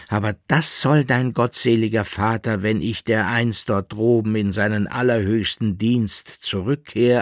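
A man voicing a coarse, impudent male servant who scolds his master in a shrill, loud, cheeky tone. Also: dry recording, studio quality. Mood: whining.

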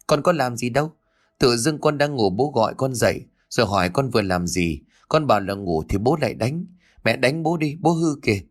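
A man's voice: medium pitch, lively intonation, fairly quick, natural voice. A man voicing a small boy who whines and pleads in a raised childish voice. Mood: whining. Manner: whiny, pleading. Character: small boy, whiny and insistent.

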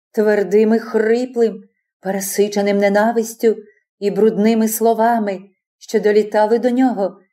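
A woman narrating a classic novel as an audiobook in a measured, expressive reading. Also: on the high side. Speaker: audiobook reader.

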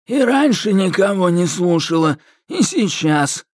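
Creaky, smug undying sorcerer. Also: male voice, sits high, very animated, a little slow, no room sound, studio quality, voice pushed up, exaggerated voice. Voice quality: creaky, like an old samovar. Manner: scornful, superior, drawling. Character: smug immortal old male sorcerer in rusty armor. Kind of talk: audiobook character voice.

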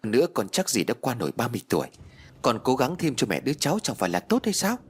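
A man's voice: medium pitch, wildly swooping pitch, fast, slightly rough. A man voicing a nervous young husband who hesitates and stammers in an audiobook.

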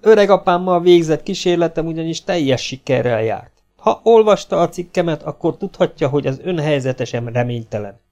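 A man's voice: a little high, lively intonation, darkish tone, faint music behind, voice pushed up. A man voicing a pompous, condescending young asylum doctor with a patronizing, self-satisfied manner. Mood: smug.

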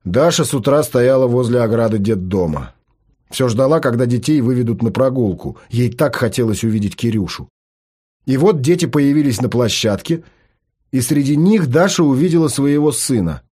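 A man narrating an audiobook in an expressive storytelling manner. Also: medium pitch, moderate pace, husky. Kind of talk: scripted narration.

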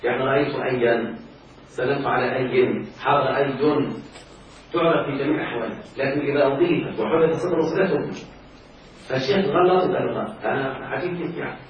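A man speaking fairly quickly at a medium pitch teaches Arabic grammar with an Egyptian accent, quizzing the class over and over on whether they get it. Sound is dull, with a faint hiss, strong echo, and a distant microphone.

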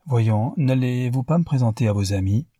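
A man's voice: medium pitch, moderate pace, dark tone, slightly rough, no room sound, studio quality, close to an everyday voice. A man voicing a cheerful, straightforward American man in an audiobook, with a frank manner.

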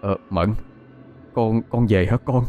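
A man voicing an older grieving father who speaks haltingly. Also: lowish voice, narrow, tinny audio, slight background noise. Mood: shaken. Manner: halting, hesitant with many "ờ". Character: older grieving father, shaken, plain-spoken.

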